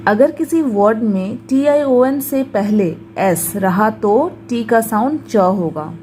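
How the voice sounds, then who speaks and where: Woman teacher with a Hindi accent, soft mellow tone, slightly high pitch, slow drilled delivery, faint background hiss. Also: poor audio. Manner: slow, careful, repeats words for drilling. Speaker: English pronunciation teacher. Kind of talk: YouTube pronunciation lesson.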